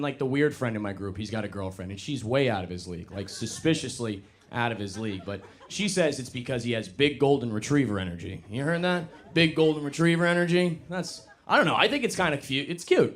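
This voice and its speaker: A young man performing a stand-up comedy set on a club stage, self-deprecating and deadpan, then suddenly loud. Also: medium pitch, fast, hardly any pauses. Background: audience laughter.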